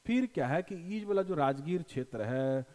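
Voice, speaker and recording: A man with a Bihari accent teaching a class in a slightly high voice. He talks in a folksy way, slips into local dialect, and keeps asking the class questions before answering them himself. The recording has a long, echoing reverb. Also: expressive, normal speed, dark tone. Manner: explains with repeated questions and answers. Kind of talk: classroom lecture.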